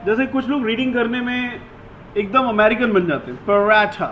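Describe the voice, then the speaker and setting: A man teaching a classroom English lesson, giving slow, deliberate instructions and mixing Hindi with English. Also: very high-pitched, lo-fi sound, slight background noise.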